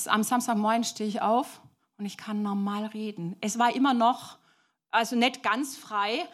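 A fairly high-voiced woman preacher tells a story to a group of children. She keeps it lively and stops now and then to ask her listeners questions. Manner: lively, asks the audience questions.

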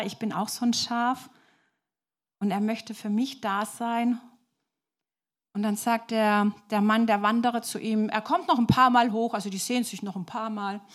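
A woman preacher telling a story to children in a lively way and asking the audience questions. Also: a little high.

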